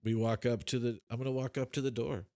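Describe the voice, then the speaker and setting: A man's voice: medium pitch, level tone, quick pace, mellow, dry recording, studio quality. A man casually playing a tabletop role-playing game, describing his actions and speaking for his character.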